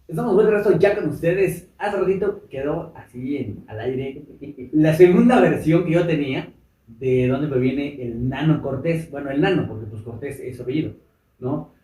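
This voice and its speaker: Relaxed host, roomy sound. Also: male voice, fairly high pitch, moderate pace, soft background music. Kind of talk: hosting an interview. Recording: roomy sound, mic at a distance.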